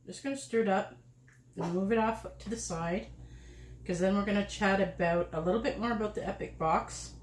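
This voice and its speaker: A woman chats her way through a home cooking livestream, rambling loosely and laughing between steps. Her voice sits at a middling pitch and carries the echo of a hard-surfaced kitchen. A faint hum of noise runs underneath. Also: a little fast. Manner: chatty, rambling, laughs often. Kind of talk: casual cooking livestream chat.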